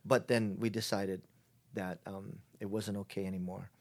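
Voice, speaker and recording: A middle-aged man talking reflectively as an interview guest, halting often and restarting his sentences. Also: deep voice, level tone. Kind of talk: casual conversation.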